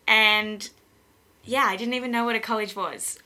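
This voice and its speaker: A woman's voice: a little high, steady tone, normal speed, sharp tone. Giggly young Australian woman. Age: young adult. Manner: giggly, rambling, laughs often. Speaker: interviewee, college student. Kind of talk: casual interview chat.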